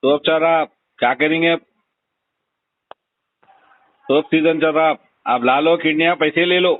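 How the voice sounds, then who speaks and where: Answering a phone call, a man with a Hyderabadi accent speaks bluntly and insistently in casual conversation, his voice a little high, steady, and unhurried. The recording is dry, with the tinny, narrowband sound of a telephone line.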